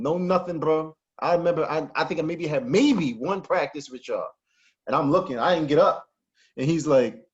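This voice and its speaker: A man telling animated, profane stories in a casual podcast chat, often breaking into laughter. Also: on the high side. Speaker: podcast host. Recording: muffled lo-fi audio.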